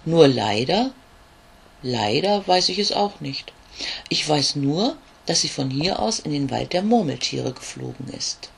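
A storyteller voicing a big, friendly male raven who croaks and speaks in a kindly, obliging way. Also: mid-range voice, lively intonation, measured pace, exaggerated voice.

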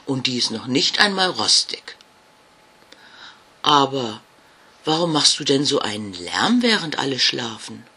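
A man voicing a friendly, eager little ghost girl in a children's story, with a raised, bright voice. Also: mid-range voice, very animated, measured pace, long pauses, breathy edge, full character voice.

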